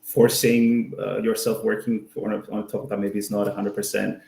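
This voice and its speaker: A man's voice: lowish voice, little pitch movement, fairly quick, gravelly, mellow, reverberant, rough recording. A man hosting an online user group meetup, talking casually with many fillers and restarts. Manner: friendly, full of fillers and restarts.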